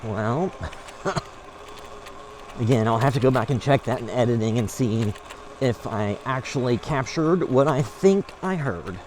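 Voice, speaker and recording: A man's voice: mid-range voice, expressive, measured pace, pauses often, a little mellow, lightly acted. A man acting as a casual, skeptical amateur creature hunter in a found-footage horror film, muttering hesitantly to his camera. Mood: musing, wary. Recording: noisy location sound.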